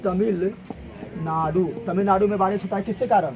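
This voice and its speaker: A male teacher, giving an animated classroom lecture and firing repeated questions at his students. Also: sits high, normal speed. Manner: animated, repetitive questioning, colloquial Hindi with regional forms. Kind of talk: classroom lecture with call-and-response.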